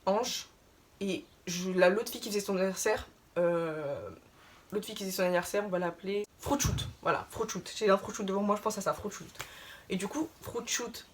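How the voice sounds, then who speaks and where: A young adult woman casually telling a story to her viewers, chatty and animated, piling on filler tags as she retells what happened. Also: medium pitch, brisk, a little hiss or hum. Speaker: vlogger.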